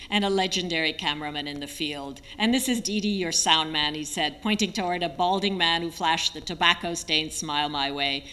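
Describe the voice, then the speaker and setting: A woman author reading aloud from her own memoir in a lively storytelling manner. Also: on the low side. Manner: lively storytelling with occasional restarts.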